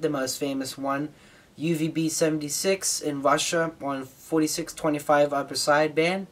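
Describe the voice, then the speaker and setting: A shortwave radio hobbyist host, a man with a medium-pitched, slightly bright voice, delivers a casual, unscripted monologue. He's informal and opinionated, with some mild swearing.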